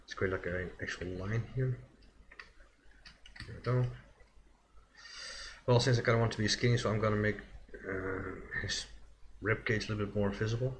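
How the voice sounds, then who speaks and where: A man's voice: lowish voice, a little hiss or hum. A man live-streaming as he sculpts, talking casually and thinking aloud with many fillers and restarts. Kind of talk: casual live-stream commentary while working.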